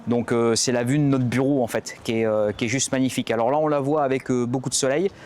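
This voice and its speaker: A man's voice: medium pitch, steady tone, quick pace, a little mellow, slight background noise. A man in his forties from central France, a former navy commando instructor, telling his story in a portrait interview with many fillers and restarts. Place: outdoors at a harbor site.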